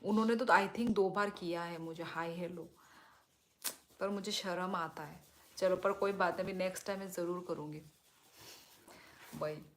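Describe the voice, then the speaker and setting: A woman hosting a casual live stream, chatting with viewers and answering comments in a relaxed, easygoing way, mixing in English words. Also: fairly low pitch, a little hiss or hum. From Northeast India.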